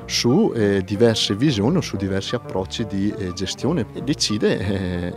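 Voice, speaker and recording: Older man with a Trentino accent, low voice. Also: animated, unhurried. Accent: Trentino Italian. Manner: hesitant, with frequent fillers. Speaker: municipal administrator. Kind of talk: outdoor interview. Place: outdoors by a mountain lake. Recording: music underneath.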